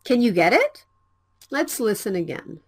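Woman English teacher, slow and deliberate, clear lesson delivery with an animated, slightly high voice. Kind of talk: scripted language lesson.

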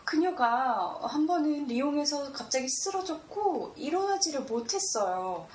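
A woman's voice: high-pitched, expressive, unhurried, a little mellow, a little hiss or hum. A woman playing a theatrical Frenchwoman who throws French words into her speech and dramatizes everything, recorded from a distance in a roomy space. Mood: dramatic. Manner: melodramatic, sprinkles French words into Korean. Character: theatrical Frenchwoman, acquaintance of an eccentric artist.

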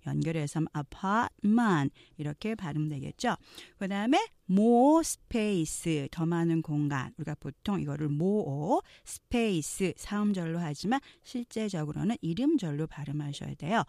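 Female pronunciation teacher, slow and expressive, dry close-mic recording. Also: sits low, vocal fry, no room sound. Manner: slow, careful drills spoken for learners to repeat; switches between explaining and modeling phrases. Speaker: English teacher. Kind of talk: English pronunciation lesson.

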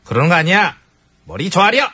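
A man's voice: high voice, sing-song, brisk, pushed and bright, breathy edge, dry recording. A man hosting a radio comedy show, playing a bossy, pompous king in a skit. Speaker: radio host. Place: radio studio.

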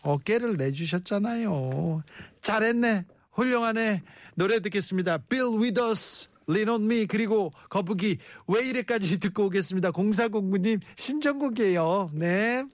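A man's voice: sits high, measured pace, a little hiss or hum. Chatty male radio DJ. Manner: warm, chatty, reacts to listener stories with encouragement. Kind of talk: radio show, reading listener messages.

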